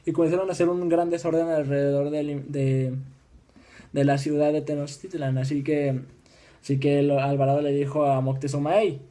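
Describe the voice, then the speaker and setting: A young man from Mexico giving an informal history talk, halting with many restarts and fillers. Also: a little high, flat delivery, mellow. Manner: acts out voices in dialogue.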